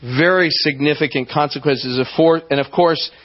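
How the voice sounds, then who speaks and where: Man preaching a sermon, somewhat high voice. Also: moderate pace, lo-fi sound. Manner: conversational, asks the congregation questions.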